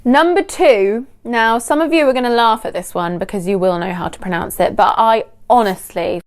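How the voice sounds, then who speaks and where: A woman's voice: a little high, normal speed. A woman speaking to camera as a teacher, chatty and laughing lightly between points. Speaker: English teacher. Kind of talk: direct-to-camera lesson.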